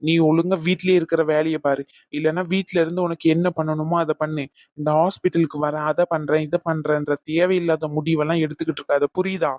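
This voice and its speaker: A man's voice: a little high, little pitch movement, fairly quick, a little mellow, no room sound, lo-fi sound, lightly acted. A man voicing a harsh young man in a cartoon who scolds and dismisses his sister. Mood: scornful. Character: harsh young man, brother, scornful and controlling. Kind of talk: cartoon voice acting.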